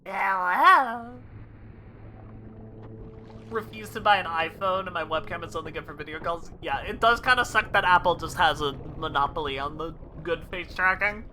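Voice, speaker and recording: A woman's voice: on the low side, moderate pace, bright, forceful tone, a little hiss or hum. A young woman streamer chatting casually while playing a game and reading chat. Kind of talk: casual gaming livestream chat.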